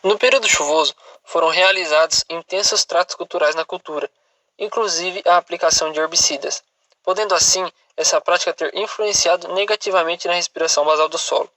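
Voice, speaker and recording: In a bright, slightly high voice, a Brazilian man reads a formal academic text aloud, reciting it like a student presenting and stumbling now and then. The low-quality recording is dry and close, with little room sound.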